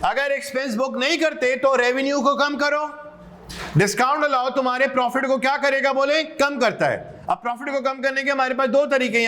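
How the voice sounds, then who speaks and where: A male accounting lecturer with a very high, sharp voice gives a classroom lecture, slipping English terms into his explanations. He quizzes students as he goes, joking with them and teasing them.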